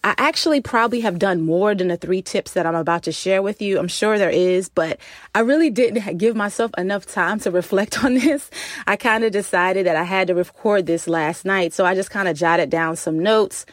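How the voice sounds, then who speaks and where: A woman's voice: medium pitch, normal speed, no room sound, studio quality. A woman hosting a solo podcast in a chatty, informal way, recorded inside a closet. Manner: chatty, informal, laughs while talking. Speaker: podcast host. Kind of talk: casual solo podcast talk.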